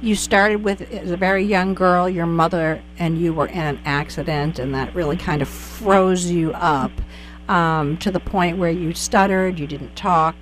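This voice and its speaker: Chatty low-voiced woman interview host. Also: unhurried, slight background noise, rough recording. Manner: inquisitive, chatty, long winding questions. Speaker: podcast host. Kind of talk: conversational interview.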